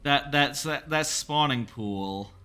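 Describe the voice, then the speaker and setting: A man's voice: medium pitch, slow pace, pushed and bright, a little hiss or hum. A man giving casual game commentary as a gaming video host, musing tentatively with wry asides into a close mic. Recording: game music under the voice.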